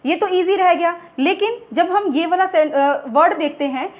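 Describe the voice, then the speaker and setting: A woman's voice: extremely high pitch, moderate pace. A woman teaching a grammar lesson, explaining step by step and asking and answering her own questions. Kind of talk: grammar lesson in Hindi and English.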